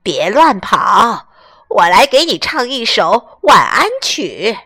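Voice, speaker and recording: A woman voicing a bossy female duck with a hoarse voice, in a storybook reading. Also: medium pitch, very animated, slow pace, bright, forceful tone, full character voice. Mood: insistent.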